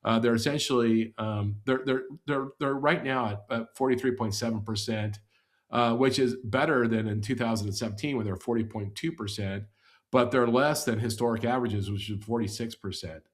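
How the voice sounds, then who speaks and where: A man's voice: medium pitch, steady tone, normal speed. A man co-hosting a podcast, explaining data and charts in a rambling, casual way. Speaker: podcast co-host.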